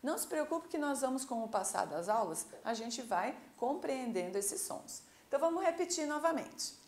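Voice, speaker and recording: A Brazilian woman with a Brazilian Portuguese accent teaches a beginner English lesson. Her voice sits a little high and swings widely, and she draws out each phrase when modeling it. It is recorded in an echoey room. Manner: lively, drawn-out model pronunciation with teacherly check-ins. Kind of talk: online classroom lesson.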